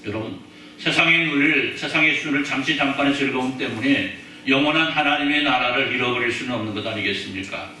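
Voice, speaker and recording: A male pastor preaches in a chatty, joking manner, turning again and again to the congregation with questions. His voice is bright and forward. It rings through a very echoey church hall, caught by a distant mic over faint room noise. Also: medium pitch, brisk. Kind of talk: sermon. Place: church sanctuary.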